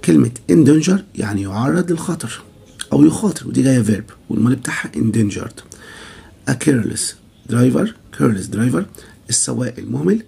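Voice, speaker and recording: An Egyptian man teaching English vocabulary, heavy gravel and rasp through his voice. His tone is dark and mellow, and his pitch moves a lot as he reads word pairs and repeats them. He asks himself questions and answers them. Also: expressive, normal speed. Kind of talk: vocabulary lesson, mixing Egyptian Arabic and English.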